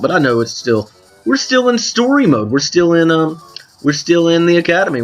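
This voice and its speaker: A man hosting a let's play of a drawing game, chatting casually with rambling, self-correcting asides to viewers while his voice cracks now and then. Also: fairly high pitch. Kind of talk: casual gameplay commentary.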